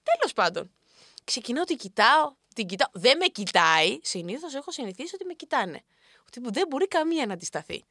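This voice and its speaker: A young woman hosting a show, telling a funny self-mocking story about a night out in a lively, animated way. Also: fairly high pitch, no echo, studio quality. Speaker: radio host. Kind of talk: comic storytelling monologue.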